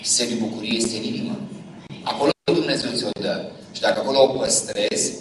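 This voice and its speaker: A man's voice: fairly low pitch, background noise. A man preaching a sermon, telling stories and acting out the voices in them. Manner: storytelling preacher, acts out quoted voices. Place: large church. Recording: echoey church from far off.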